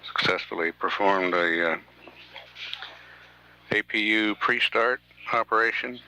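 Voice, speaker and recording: A man giving live mission control commentary in a halting, measured way, often pausing mid-sentence. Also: fairly low pitch, bright, forceful tone, clear, resonant tone, rough recording. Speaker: mission control public affairs announcer. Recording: faint radio hiss.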